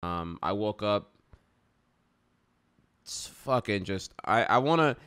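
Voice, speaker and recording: A man with a sore, stiff jaw after wisdom tooth surgery, chatting casually and frankly in a rambling, halting way with some swearing. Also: lowish voice, lively intonation, fairly bright tone, clean tone. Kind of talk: casual unscripted chat to an audience.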